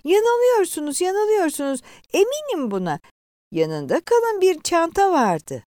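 A woman's voice: a little high, sing-song, moderate pace, mellow, no echo, clean studio sound, voice pushed up. A woman voicing a frightened young wife who pleads tearfully and insists she is right. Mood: desperate.

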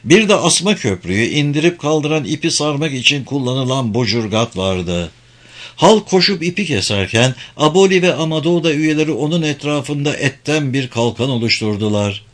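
A man reading an adventure novel aloud in measured, dramatic audiobook narration. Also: medium pitch, lively intonation.

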